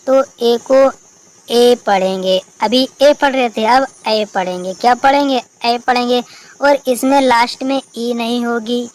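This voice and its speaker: A woman's voice: a little high, darkish tone, rough recording. A woman teaching a recorded lesson, spelling out letters one by one and answering her own questions. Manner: spells out letters and asks herself questions, then answers them. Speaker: English teacher.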